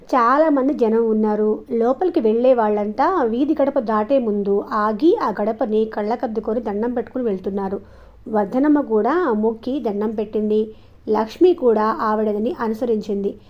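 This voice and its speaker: A woman reads a novel aloud in a steady, even storytelling voice that sits a little high. The recording is dull and lo-fi, with a muffled top end. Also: moderate pace. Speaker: audiobook narrator.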